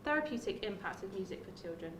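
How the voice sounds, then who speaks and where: Speaking to the room at a workshop, a woman who is an early years music practitioner, music therapist and former teacher gives a friendly presentation peppered with "um"s. Her medium-pitched voice has lively intonation and a fast pace, recorded far from the mic in a roomy space with background noise.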